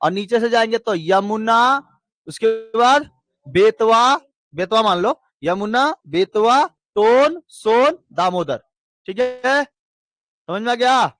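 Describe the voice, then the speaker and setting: A man's voice: high-pitched, animated, takes it slowly, pauses often, fairly bright tone. A man teaching a geography lesson, running through lists in a sing-song chant and asking checking questions. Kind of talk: classroom lesson with drilling repetition.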